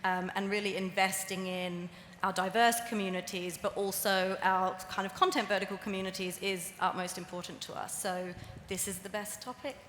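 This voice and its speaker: A woman's voice: medium pitch, little pitch movement, moderate pace, fairly bright tone, a little hiss or hum. A woman executive who heads a creator team, speaking on a live panel. She talks in a polished, corporate way. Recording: roomy hall with faint ambience.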